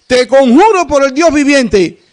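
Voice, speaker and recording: A man voicing an anxious male high priest who presses hard with insistent questions in a sermon. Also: animated, unhurried. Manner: pressing, high-pitched demanding tone.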